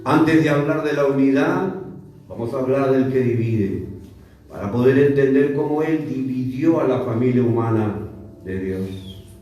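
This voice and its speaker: A man's voice: medium pitch, measured pace, mellow, muffled recording. A man preaching a sermon as pastor, emphatic and repeating words for stress. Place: church. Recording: echoey church hall, mic far off, faint music.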